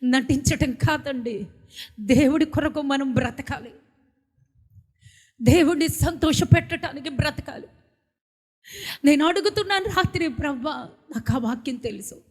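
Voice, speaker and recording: A woman pastor with a Telugu accent preaching an emotional sermon, pleading and bursting into loud cries. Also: on the high side. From India. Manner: impassioned, pleading, with sudden loud outbursts. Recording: long hall reverb.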